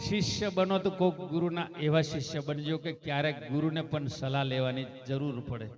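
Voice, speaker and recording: Telling a religious story in a devotional sermon, a man pauses between story passages to chant praise cries and ask his listeners rhetorical questions. His voice is fairly high, with fairly even intonation, at normal speed.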